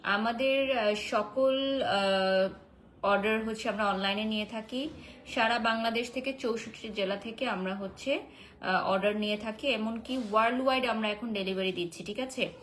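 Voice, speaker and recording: A woman, chatting casually in a live-stream sales pitch, answering viewer comments and slipping in English filler words. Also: moderate pace, fairly bright tone, slight background noise, rough recording.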